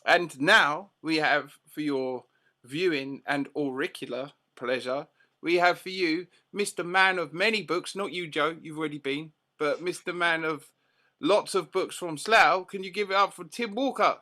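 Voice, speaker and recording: Male stream host, jokey, bantering, high bright voice. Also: moderate pace. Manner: playful, jokey, competitive banter. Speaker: host of an open mic stream. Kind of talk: casual live-stream hosting.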